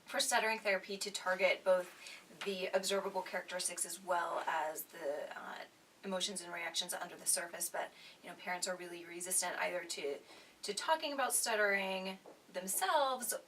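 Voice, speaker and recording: A woman co-hosting a panel on stuttering, thoughtful and soft-spoken, with breathy trailing phrases. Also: mid-range voice, recorded from a distance, slight background noise, poor audio. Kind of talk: casual panel discussion.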